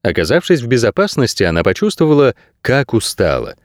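A man narrating an audiobook in a measured, expressive storytelling voice. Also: mid-range voice, no room sound, studio quality. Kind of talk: scripted narration.

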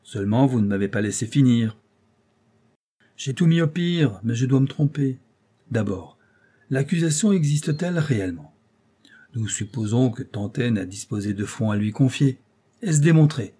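Scheming aging job broker, read by a man, coaxing, ironic, lecturing, soft husky voice. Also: mid-range voice, animated, moderate pace. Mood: persuasive. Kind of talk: audiobook character voice.

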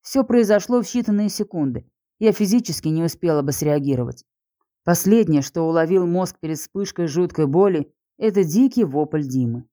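A woman's voice: lowish voice, lively intonation, normal speed, warm tone. A woman reading a first-person audiobook in an intense, dramatic way. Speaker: audiobook narrator.

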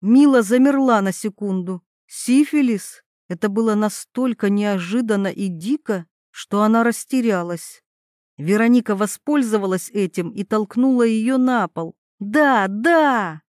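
A woman's voice: mid-range voice, normal speed, darkish tone, dry recording, clean studio sound. A woman narrating a dramatic story as an audiobook reader.

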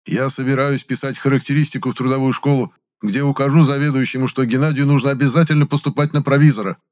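A man's voice: mid-range voice, fairly quick, a little mellow, voice pushed up, close to an everyday voice. A man voicing a strict, fussy older male pharmacist who barks curt orders. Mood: fawning. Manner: barking, curt.

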